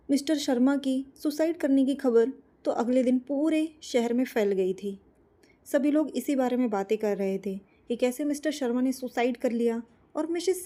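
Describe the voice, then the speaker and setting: A woman's voice: on the high side, mellow. A woman narrating an emotional story in an earnest, heartfelt manner.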